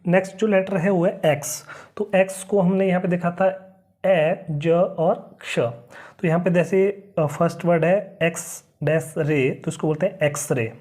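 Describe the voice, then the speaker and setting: A teacher leads a beginner's spelling and pronunciation lesson, reading out each word letter by letter before saying it slowly. The delivery is patient and repetitive. The voice is mellow and warm, at a middle pitch. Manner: spells words letter by letter, then says them slowly. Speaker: English teacher.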